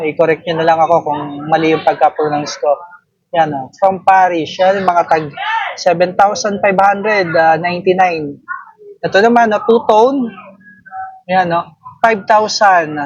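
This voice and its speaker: A man with a Filipino accent walks viewers through a watch shop in an unhurried, rambling way. His voice is husky and slow, and the phone recording sounds dull and lo-fi. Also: high-pitched. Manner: slow, relaxed, filler-heavy, tags lines with "no?". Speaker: vlogger touring a watch shop. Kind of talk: casual walkthrough narration. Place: indoor watch store.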